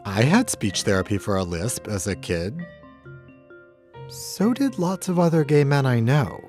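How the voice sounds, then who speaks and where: A man's voice: mid-range voice, very animated, measured pace, darkish tone, faint music behind. A man narrating a personal documentary in a candid, first-person way.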